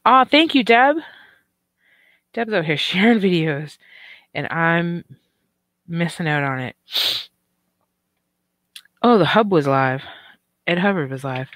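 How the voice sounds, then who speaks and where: A woman's voice: sits low, slow, pauses often, dry recording. A middle-aged woman hosting a casual livestream, rambling and swearing with lots of fillers while chatting with viewers, and she has the hiccups. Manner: rambling and profane, with many "um" and "like" fillers. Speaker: livestream commentary host. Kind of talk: casual livestream chat, reading viewer comments.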